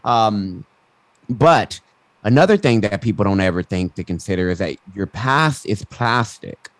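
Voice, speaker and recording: A man's voice: on the low side, expressive, a little slow, dry recording, poor audio. A man with a lisp who says w for r, explaining ideas emphatically as a coach and interview guest. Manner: emphatic, mild swearing, acts out quotes. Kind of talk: animated explanatory interview talk. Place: indoors, online video call.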